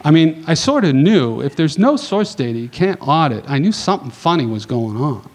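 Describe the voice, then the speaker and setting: A man on a conference panel telling a long anecdote in a casual, animated way, acting out the dialogue and tossing in quick asides. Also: a little high. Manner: animated, acts out dialogue, chatty asides with "right?".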